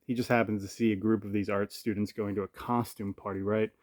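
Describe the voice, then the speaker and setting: A man's voice: on the low side, little pitch movement, a little fast, darkish tone, no echo. Chatty man with a dry close sound. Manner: chatty, thinking aloud with fillers. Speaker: comic reviewer. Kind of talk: casual spoken review. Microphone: camera mic.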